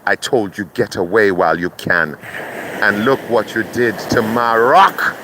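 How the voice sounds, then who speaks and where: A man delivering a threatening curse monologue, speaking slowly and breaking into chanted incantations. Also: on the low side, background noise. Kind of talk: menacing spoken curse monologue.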